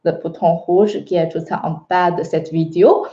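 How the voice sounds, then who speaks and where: A woman's voice: fairly low pitch, fairly even intonation, unhurried, mellow. A woman with a Chinese accent teaching a beginner language lesson, patient and checking in with her students often. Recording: muffled, echoey room.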